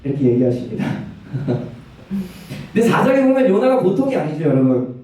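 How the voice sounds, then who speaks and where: Animated young male preacher in echoey church. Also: sits high, a little fast. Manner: animated storytelling, asks the congregation questions. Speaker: youth ministry preacher. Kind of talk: lively sermon. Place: church sanctuary. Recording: echoey hall, mic from a distance.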